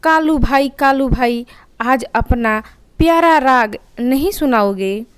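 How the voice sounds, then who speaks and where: A woman's voice: high voice, slow pace, clean tone, dry recording. A woman voicing a sly female cat in a children's cartoon story, coaxing and sweet-talking. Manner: coaxing then scolding.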